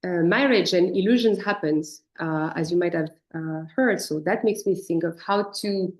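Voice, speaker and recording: A woman's voice: on the low side, normal speed. A woman who coaches leaders gives a guest talk to a church congregation, speaking remotely over a video call in a reflective way that invites listeners to think about their own lives.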